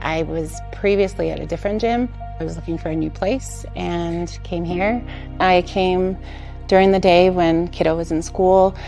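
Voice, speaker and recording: A woman's voice: on the low side, fairly even intonation, moderate pace, gravelly, warm tone. A woman in her forties, originally from Hungary, speaking frankly in a gym-member testimonial. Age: 40s. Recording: music underneath.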